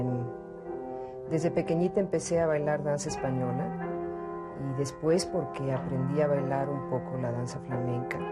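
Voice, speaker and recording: A Mexican woman with a strikingly low voice talks reflectively about her dancing, pausing and restarting as she hunts for the right words. Loud music plays behind her throughout. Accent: Mexican Spanish. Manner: thoughtful, searching for words with repeated restarts. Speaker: dancer and choreographer. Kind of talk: reflective interview answer.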